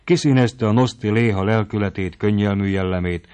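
Male narrator for a literary audiobook; low voice, steady and measured. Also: clear, resonant tone. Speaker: audiobook reader. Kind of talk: scripted narration of a novel.

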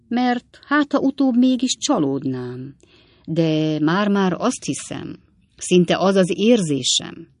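Lady reading an audiobook doing a slow old coachman dad, low and drawly, dry sound. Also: darkish tone, no room sound. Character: old male coachman, fond, slow-spoken father.

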